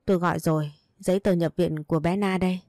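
Woman doing a calm young guy, steady and kinda stubborn, low mellow voice, storytelling read. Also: quick pace, dry recording, studio quality, natural voice. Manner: calm, reassuring, a bit stubborn. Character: kind, steady young man neighbor.

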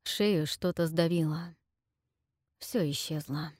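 A woman reading a novel aloud as a narrator, in a measured, deliberate way. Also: low-pitched, a little mellow, dry recording, clean studio sound. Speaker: audiobook narrator. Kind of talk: scripted narration.

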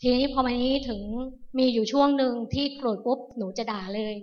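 A woman telling her meditation teacher about her practice, polite and halting, often repeating words. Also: a little high. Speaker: lay meditation student. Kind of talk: personal account to a teacher. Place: temple hall. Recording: dull echoey hall recording.

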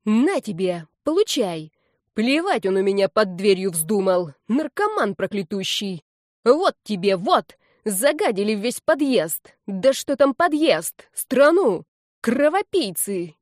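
A woman voicing a fierce old grandmother who scolds and shouts in a rough bass, recorded dry. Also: sing-song, unhurried, dry recording. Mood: furious scolding.

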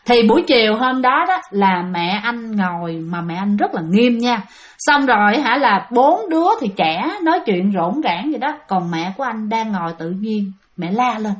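Woman telling ghost stories, chatty, talks to listeners, slightly high voice. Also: lively intonation, moderate pace. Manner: chatty, addresses listeners directly. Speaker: storyteller. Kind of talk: casual spoken ghost-story telling.

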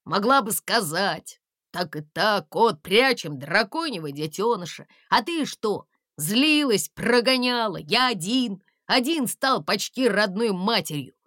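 Grumbling sulky tomcat, read by a woman, lively and unhurried. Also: mid-range voice, no echo, studio quality. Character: grumbling sulky male cat.

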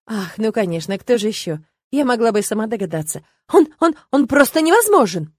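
A woman's voice: big pitch swings, a little fast, no echo, studio quality. A woman voicing a young, hot-tempered and easily offended girl who bursts out indignantly in an audiobook. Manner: shrill indignant outbursts. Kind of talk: audiobook character voice.

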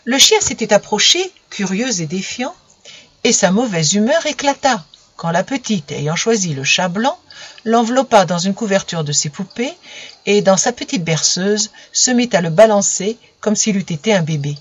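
A woman narrating a children's storybook gently, speaking directly to her young listeners, on a dull lo-fi recording. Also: mid-range voice, lively intonation, normal speed, husky. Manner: gentle, intimate address to children.

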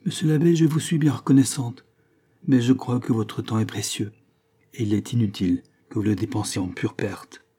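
A man's voice: on the low side, moderate pace, mellow, breathy edge. A man voicing the heroine, a proud and irritable young woman, in a read-aloud novel. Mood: embarrassed.

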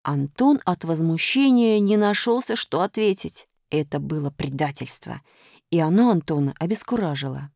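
A woman reading a children's story aloud in an expressive way. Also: low-pitched, normal speed, gravelly, dry recording, clean studio sound.

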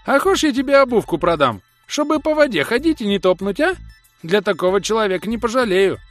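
A man's voice: high-pitched, expressive, fairly quick, no echo, soft background music, voice pushed up. A man voicing an old village farmer who wails and wheedles in a folksy rural dialect. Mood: wailing, wheedling.

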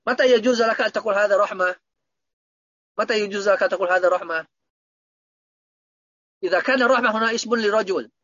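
In an online lesson, a man teaches Arabic grammar and quizzes his students with repeated questions. He talks fast in a high-pitched, slightly bright voice, pausing often, with no echo. The audio is dull, dry and lo-fi.

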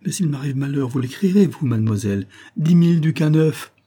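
A man voicing a fearful, fussy old male servant in an audiobook, anxious and rushed. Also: a little high, animated, warm tone, breathy edge, voice pushed up. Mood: fretful. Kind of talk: audiobook character voice.

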